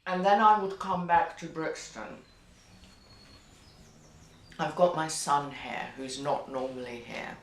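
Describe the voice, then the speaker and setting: A middle-aged interpreter, a documentary subject from a non-English-speaking country outside the UK, speaks in a deep register in a candid, reflective conversation. English isn't her first language; she talks slowly and unhurriedly, pausing often, searching for words and repeating some. The room is echoey, with background hiss.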